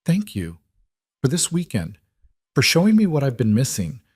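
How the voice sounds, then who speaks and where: A man voicing a guarded woman CEO who speaks quietly and earnestly, in a storybook narration. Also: mid-range voice, wildly swooping pitch, normal speed, husky, no room sound, studio quality, voice pushed up. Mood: tender.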